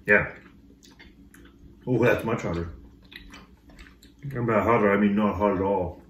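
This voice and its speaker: A man's voice: on the low side, unhurried, fairly bright tone, roomy sound, highs cut off, a little hiss or hum. A man chatting casually as he tastes spicy snacks, trading dry jokes with his co-host. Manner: joking, dry asides. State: coughing and sweaty. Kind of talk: casual chat.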